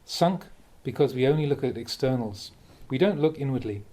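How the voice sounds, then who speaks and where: A Buddhist monk with a medium-pitched voice and lively intonation reads a dharma talk aloud. He stays measured and reflective, letting out a soft chuckle from time to time.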